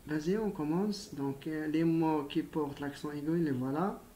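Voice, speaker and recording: A man teaching a spelling lesson to primary school pupils, speaking slowly and patiently and addressing them directly. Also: on the high side, mellow, slight background noise.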